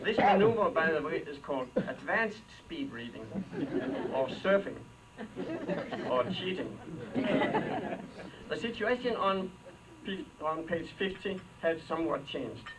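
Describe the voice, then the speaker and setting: A man's voice: on the high side, expressive, a little slow. An older man from Denmark with a Danish accent gives a humorous luncheon speech, telling stories in a dry, wry way with comic asides. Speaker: after-dinner speaker. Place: hall with a live audience. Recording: distant mic, clear background noise.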